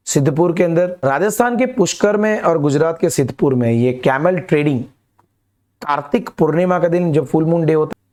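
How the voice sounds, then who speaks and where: A man's voice: on the high side, a little mellow. A young man explains a lesson to students directly and mixes English words into his talk. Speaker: teacher. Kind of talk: animated classroom lesson.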